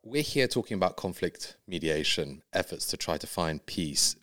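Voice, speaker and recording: A deep-voiced man hosts a podcast and asks his questions in long, composed, carefully framed sentences. Faint music plays softly behind him. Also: animated, moderate pace. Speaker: podcast host. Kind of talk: scripted intro and interview questions.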